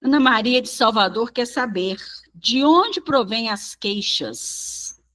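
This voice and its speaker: Slow woman reading out questions. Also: a little high, expressive, fairly bright tone. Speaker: reader of listener questions.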